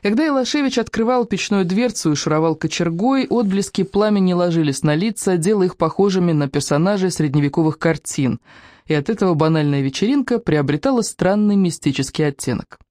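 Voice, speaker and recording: A woman narrating a romance novel audiobook with a lively, expressive reading. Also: fairly low pitch, a little fast, no echo, studio quality. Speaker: audiobook reader.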